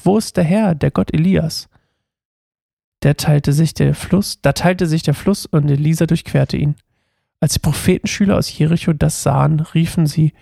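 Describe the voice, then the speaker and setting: Gravelly mellow-voiced man reading aloud. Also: a little high, no room sound, studio quality. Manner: reads steadily with small slips and restarts, then talks loosely with fillers. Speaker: Bible reading podcast host. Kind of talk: reading a Bible passage aloud, then casual commentary.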